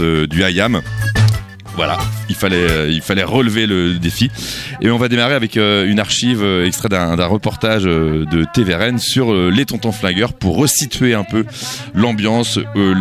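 A middle-aged man presenting a radio show unscripted, in a halting, hesitant way. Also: low voice. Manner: hesitant, stretching out words. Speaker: radio host.

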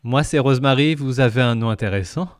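A man's voice: mid-range voice, fast talker, no echo, clean studio sound, pitched above the performer's own voice, natural voice. A man voicing a polite, curious young woman newly joining a spaceship crew.

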